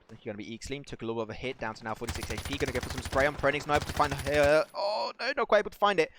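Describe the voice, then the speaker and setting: A man casting a live mobile shooter match, excitable and rising to near shouts on big plays while chatting to viewers. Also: medium pitch, racing, noisy background. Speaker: esports caster. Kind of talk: live game commentary.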